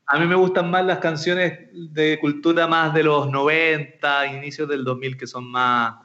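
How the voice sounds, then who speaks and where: A man's voice: fairly high pitch, little pitch movement, unhurried, bright, forceful tone, muffled recording. A man from Chile, an entrepreneur, answering interview questions casually and hesitantly, with many fillers and repeated words. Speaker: entrepreneur guest.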